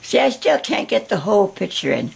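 A woman in her nineties, gently encouraging viewers at the end of a painting lesson, slow and warm in manner, her voice going hoarse. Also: mid-range voice, big pitch swings. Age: 90s. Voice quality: gravelly. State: losing her voice. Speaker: art instructor. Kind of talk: painting tutorial talk.

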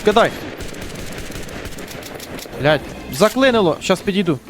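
High-voiced man swearing through a game. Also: sing-song, unhurried, background noise. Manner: chatty, swearing and joking to himself. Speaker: gaming channel host. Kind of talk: casual let's-play commentary. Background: game music and gunfire.

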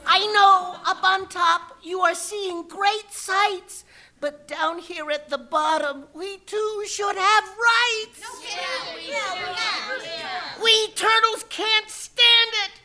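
A woman's voice: extremely high pitch, steady tone, slow, bright, forceful tone, heavily acted. A woman voicing a meek, plain little male turtle who groans and pleads from under a heavy stack. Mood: pleading.

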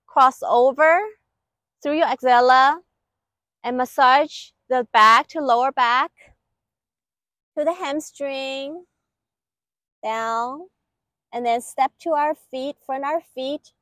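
High-pitched woman giving slow exercise cues. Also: fairly bright tone, no room sound. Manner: short, clipped directive phrases. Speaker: qigong instructor. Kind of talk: exercise instruction, step-by-step cues. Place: outdoor lakeside paved terrace.

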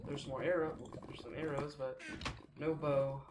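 A teenage gaming YouTuber gives casual Let's Play commentary, rambling and chatty, often correcting himself mid-sentence. His fairly high voice has little pitch movement and runs a little slow. The room is echoey, with noise in the background.

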